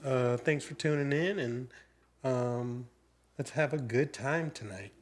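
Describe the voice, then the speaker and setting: A man's voice: medium pitch, slow, a little hiss or hum. A man in his thirties hosting a podcast in loose, joking casual chat, swearing freely. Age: 30s. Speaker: podcast host.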